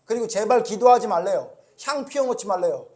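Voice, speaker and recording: Guy pastor preaching a sunday sermon, fairly high voice, keeps firing questions at the crowd and gets loud then drops way down. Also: a little fast. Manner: animated preaching, rising loud when scolding, dropping low and quiet; rhetorical questions to the congregation.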